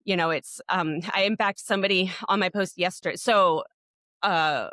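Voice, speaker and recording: In clean studio sound with no echo, a podcast co-host with a lowish, fairly bright voice tells a story at a moderate pace. She rambles casually, full of restarts and fillers.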